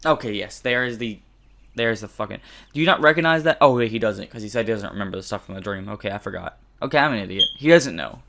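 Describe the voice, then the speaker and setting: A man's voice: fairly low pitch, expressive, fast, vocal fry, a bit bright, slight background noise. Man reading a game aloud, joking. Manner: jokey, self-deprecating, swears casually. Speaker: let's play host. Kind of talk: reading a visual novel aloud with casual commentary.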